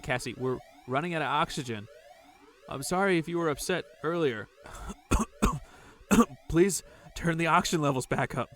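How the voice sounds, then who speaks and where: A man's voice: medium pitch, brisk, few pauses, natural voice. A man playing a lightheaded spaceship worker in a science fiction audio drama, pleading as the oxygen runs out. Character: worried, lightheaded male spaceship salvage worker running out of oxygen.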